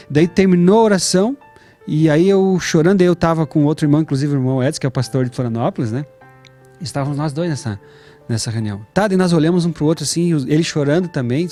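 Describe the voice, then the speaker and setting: Man, guest testimony, lively retelling with quoted voices, quick delivery. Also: a little high. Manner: animated storytelling, acts out quoted dialogue. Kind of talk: personal testimony in interview.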